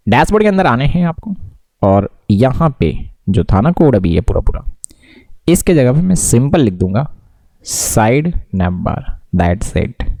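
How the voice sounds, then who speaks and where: Casual man teaching coding, mellow voice. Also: medium pitch, no echo. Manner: casual, keeps checking in with the viewer; mixes English tech words into his talk. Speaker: coding tutor. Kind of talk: screen-recorded coding lesson.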